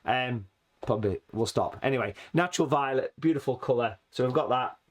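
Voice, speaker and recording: A man teaching watercolour painting in a chatty, friendly way, his voice a little hoarse and rusty from hay fever. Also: mid-range voice, brisk. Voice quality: rusty, slightly raspy. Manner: chatty, friendly, calls viewers folks. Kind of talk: casual painting tutorial.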